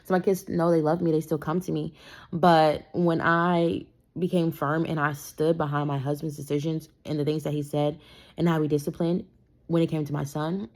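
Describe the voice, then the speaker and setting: A young woman talks through a parenting story in a loose, rambling way, full of "you know" and "like." Her voice sits a little low and carries a lot of vocal fry. She sounds like she is just chatting to her audience. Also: a little mellow. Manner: rambling, conversational, frequent fillers. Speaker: parenting vlogger. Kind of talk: casual storytime monologue.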